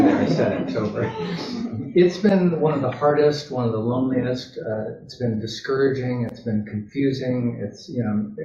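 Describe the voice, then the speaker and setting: A male pastor preaching a sermon in a relaxed, conversational way, drifting into asides and correcting himself as he goes. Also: medium pitch. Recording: roomy, distant, dull church PA recording.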